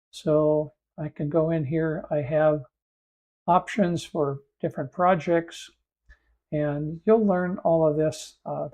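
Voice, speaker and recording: Man, 50s, froggy allergy voice, mellow dark timbre, conversational tutorial narration, fillers and restarts. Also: on the high side, lo-fi sound. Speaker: host and AI instructor. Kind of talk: screen-share tutorial narration.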